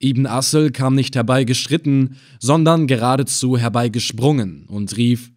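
A man reading an adventure story aloud in the first person, calm and measured. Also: mid-range voice, dry recording, clean studio sound. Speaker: audiobook narrator. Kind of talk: first-person audiobook narration.

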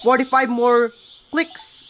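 A man giving casual, excited gameplay commentary, often stopping to correct his own words. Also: extremely high pitch, takes it slowly, lo-fi sound, slight background noise. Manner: excited, often corrects himself mid-sentence. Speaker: gaming channel host.

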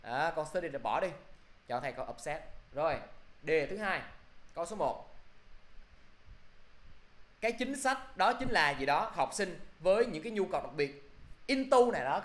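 A man's voice: fairly high pitch, fairly bright tone, reverberant. A male teacher quizzing his class through an English review, often checking if they follow. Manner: quizzing students, repeating "được chưa?".

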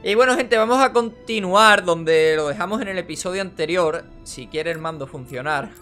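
A young man hosting a gaming channel, with a forceful, tense delivery. His speaking voice sits a little high, and his commentary is casual and excitable, with the odd curse. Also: normal speed, faint music behind. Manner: energetic, casual, swears in frustration. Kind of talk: casual let's play commentary.

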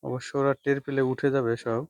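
A man in the middle of his own goat shed talks in a hushed, easy way, with a gravelly edge to a voice of ordinary pitch. The sound is dry and close, as if from a handheld phone. His tone is casual and explanatory, like a farmer showing viewers around. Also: little pitch movement, a little fast, dry recording. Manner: speaks softly to avoid waking the goats. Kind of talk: casual farm vlog, walking commentary.

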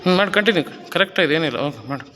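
A man's voice: fairly high pitch, expressive, very fast, bright, forceful tone, a little hiss or hum, low-quality recording. A male fitness trainer coaching a client through a gym workout, encouraging her, counting reps and cueing her breathing.

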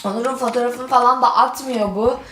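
High-voiced dramatic woman vlogger. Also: fairly even intonation, brisk, a bit bright, slight background noise. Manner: indignant, dramatic, reads messages aloud. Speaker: YouTuber. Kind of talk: dramatic gaming vlog. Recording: roomy echo.

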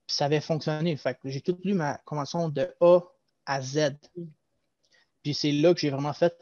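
A man's voice: fairly high pitch, dry recording. A young man with a Québécois French accent, explaining things at length and with energy in a casual video-call interview. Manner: animated, explanatory, gestures while talking. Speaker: guest, former loss-prevention agent. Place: small room at home. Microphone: headset. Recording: dull lo-fi video call audio.

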